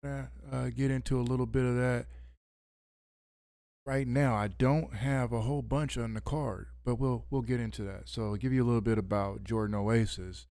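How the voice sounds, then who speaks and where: A man's voice: medium pitch, fairly even intonation, moderate pace, vocal fry, a little mellow, no echo, clean studio sound. A man hosting a late-night wrestling podcast from home, speaking in a radio-host style with casual fillers. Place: home at midnight.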